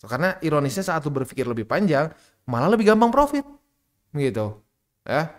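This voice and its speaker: Brief: male crypto host, casual monologue, blunt and teasing, voice pitched a bit high, pops up into shrill mock scolding. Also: big pitch swings, brisk.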